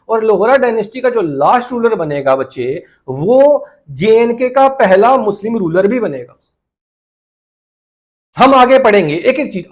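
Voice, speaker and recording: High-voiced exam tutor lecturing. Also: male voice. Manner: addresses students as "kids", repeats key points, asks and answers his own questions. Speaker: exam coaching teacher. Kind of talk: classroom lecture.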